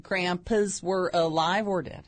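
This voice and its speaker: A woman co-hosting a radio talk show, bantering quickly and laughing. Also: fairly low pitch, steady tone. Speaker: radio co-host. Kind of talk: casual radio chat.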